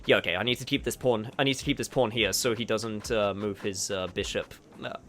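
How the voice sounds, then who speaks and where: Pitched on the low side with a steady tone, this man's fairly bright voice runs a little fast over slight background noise. He's a gaming streamer, not a native Japanese speaker, casually muttering his moves, swearing at times, and chatting with viewers as he plays.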